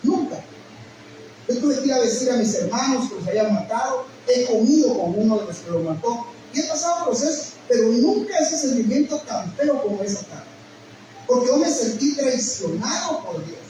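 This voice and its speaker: A man's voice: very high-pitched, lively intonation, moderate pace, dark tone. Middle-aged man, pastor, emotional sermon storytelling; roomy distant pickup with noise. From Guatemala. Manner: emotional storytelling, addresses listeners as brother. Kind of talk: sermon testimony. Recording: echoey hall, mic at a distance, noisy.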